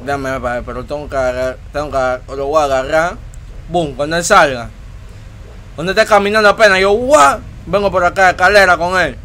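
A man giving let's-play commentary, excitable, yelling and taunting the game monster. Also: on the high side, brisk. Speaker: gamer host.

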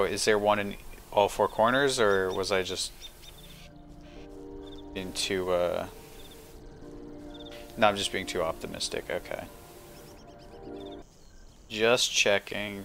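A man's voice: low-pitched, a bit bright. A man giving casual, offhand gameplay commentary with dry humour. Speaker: gaming video host. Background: game music.

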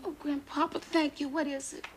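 A woman's voice: high-pitched, flat delivery, moderate pace, natural voice. An actress playing a loving, worried motherly American woman in middle age, emotive in a television sitcom. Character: Nell, worried loving motherly woman caring for teenage girls. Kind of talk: television sitcom acting before a studio audience. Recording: noisy TV sitcom soundstage.

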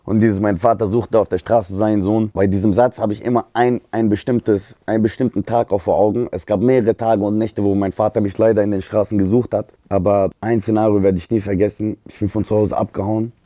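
A man from Germany, telling stories on a livestream in an animated, slang-heavy way. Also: lowish voice, fairly quick, hardly any pauses, dry recording, clean studio sound. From Speyer area, southwest Germany. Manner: animated, street slang, frequent "Bruder" and "gell". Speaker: streamer and rapper. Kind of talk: casual livestream storytelling.

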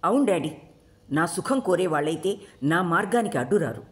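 A woman storyteller voicing a defiant teenage daughter who shouts back at her parents. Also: on the low side, lively intonation, fairly quick, natural voice. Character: defiant rebellious teenage girl Shabari.

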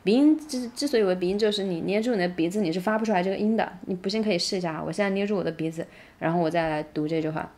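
A woman whose first language is Mandarin Chinese teaches English song pronunciation in a relaxed tutorial. Her voice sits a little low, and she slows down to sound out each lyric word by word. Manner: explains slowly, demonstrating lyrics word by word.

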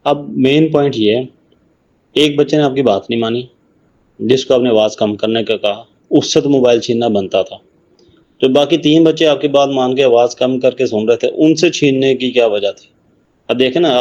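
Man, mellow tone, casual parenting talk, dull lo-fi recording. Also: medium pitch. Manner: conversational, acts out scolding parents. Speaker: parenting speaker.

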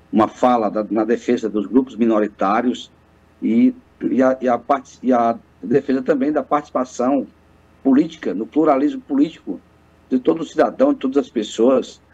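A lawyer in his thirties from Piauí, Brazil, appears as a guest on a video call from his indoor office lined with bookshelves. His medium-pitched voice is darkish with a breathy edge, and he speaks earnestly and formally, in a speechlike way, with many hesitant restarts. The webcam audio sounds muffled.

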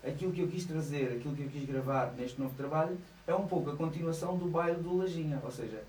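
A man's voice: fairly high pitch, fast talker, a little mellow, echoey room, distant mic, a little hiss or hum, rough recording. A man in his thirties with a European Portuguese accent, a singer chatting as a guest in a small radio studio, laughing often and hesitating. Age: 30s. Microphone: studio mic, headphones on.

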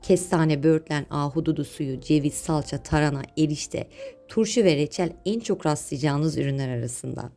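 A woman's voice: sits low, moderate pace, dark tone, faint music behind. A woman narrating a scripted travel vlog, informative and addressing viewers directly as friends.

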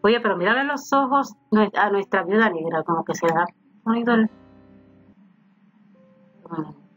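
A woman's voice: mid-range voice, moderate pace, fairly bright tone, breathy edge. A woman giving casual let's-play commentary, chatting to her game characters as she plays. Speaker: gaming YouTuber. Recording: slightly dull home recording with faint game music. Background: faint game music.

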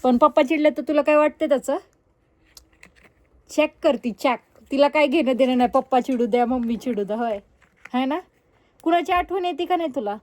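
A woman's voice: high-pitched, brisk, pauses often. A young woman, chatting casually in a family vlog and teasing the kids. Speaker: vlogger.

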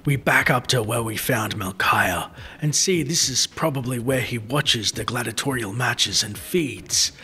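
A man's voice: mid-range voice, unhurried, few pauses, pushed and bright, husky. A man giving scripted, dramatic narration of a video game's story in formal, literary phrasing. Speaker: narrator of a game lore series.

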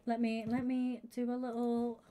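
A bubbly young woman chats casually while streaming her game, laughing often. Her voice sits a little high, and she greets her viewers with eager warmth. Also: moderate pace. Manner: bubbly, laughs often, squeals when excited. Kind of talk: casual live-stream chat.

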